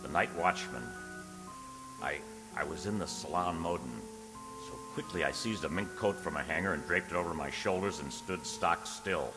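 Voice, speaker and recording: Narrating a diary as a secretive, jumpy poet, a man delivers a theatrical, literary radio-drama reading that sounds hushed and unnerved. His deep voice moves at a normal speed, lightly acted, over music in a reverberant radio play.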